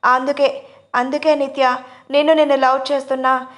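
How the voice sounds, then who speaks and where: A woman's voice: high-pitched, flat delivery, normal speed, fairly bright tone. A woman voicing a troubled young man in love, brooding in his thoughts in a storybook reading. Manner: brooding, inner voice.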